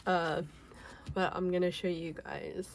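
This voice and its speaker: A young woman talking casually to her viewers while she shows off collectibles. Her voice has a gravelly, croaky edge because she is sick. She speaks slowly and unhurriedly, with plenty of filler words. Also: on the low side, little pitch movement, a little hiss or hum. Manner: chatty, many fillers like "like" and "um". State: sick, voice a little off. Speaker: K-pop collector vlogger. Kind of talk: casual unboxing chat.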